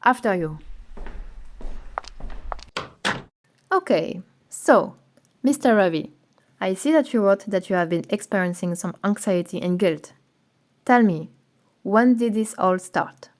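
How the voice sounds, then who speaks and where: A woman acting in an animated short film, speaking in an earnest, questioning manner. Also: medium pitch, a little slow, natural voice. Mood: polite, attentive. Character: opinionated woman, later a polite, attentive therapist. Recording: music under the voice.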